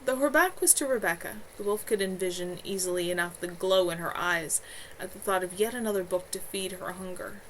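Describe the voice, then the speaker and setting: An author reads her own fantasy novel aloud on a clearly noisy home livestream, her mid-range, slightly bright voice moving fairly quickly. The reading is amateur and unpolished, with stumbles.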